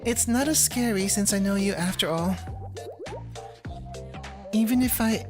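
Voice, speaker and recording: A woman plays a shy young game-developer girl, anxious and easily flustered. She speaks hesitantly at a medium pitch and stammers, with game music clearly audible behind her. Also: a little slow, natural voice. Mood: timid, anxious.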